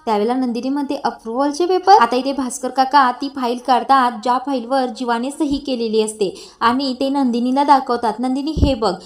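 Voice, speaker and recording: A woman's voice: high-pitched, steady tone, a little fast. A woman narrating a recap of a TV serial episode, reading the characters' lines with light acting. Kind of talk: retelling a TV episode with dialogue.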